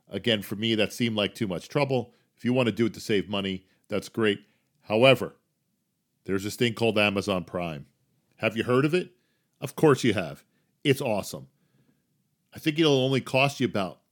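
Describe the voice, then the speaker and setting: A middle-aged man with a New Jersey accent hosting a casual solo podcast, chatty and self-deprecating, swinging between loud emphasis and quiet asides. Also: lowish voice. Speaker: podcast host.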